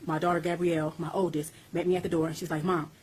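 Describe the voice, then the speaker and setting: Over a rough recording, a woman with a lowish, a little mellow voice and a breathy edge talks very fast with flat delivery during an interview. She's intense and blunt, uses coarse language, and her voice climbs as she recounts events.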